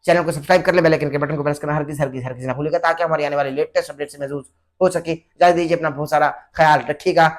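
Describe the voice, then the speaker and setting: A man's voice: fairly high pitch, fairly even intonation, rapid-fire. A man speaking to camera in a preachy, repetitive way, issuing a challenge and urging someone to repent. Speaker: online religious commentator and vlogger. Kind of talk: direct-to-camera challenge vlog.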